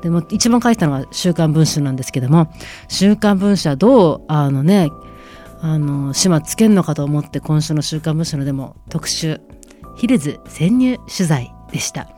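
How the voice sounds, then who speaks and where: A woman's voice: low-pitched, expressive, normal speed, dark tone. Outspoken sarcastic woman radio host. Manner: sarcastic, outspoken, fiery rants. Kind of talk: casual talk radio commentary. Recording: faint music underneath.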